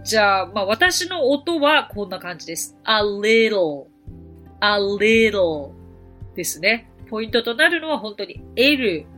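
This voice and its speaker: A woman's voice: mid-range voice, sharp tone. A woman hosting a podcast lesson as an English teacher, explaining things step by step in a friendly, encouraging way.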